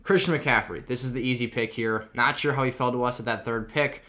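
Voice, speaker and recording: A man's voice: medium pitch, fairly even intonation, brisk, sharp tone. A man hosting a casual fantasy football draft video, talking with a sore, swollen mouth after having his wisdom teeth out. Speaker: video channel host.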